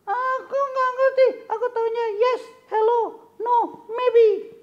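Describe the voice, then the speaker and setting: A performer voicing Kobon, a timid childlike puppet kid in a children's church puppet act, talking in a squeaky, halting way. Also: level tone, muffled recording. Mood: childish.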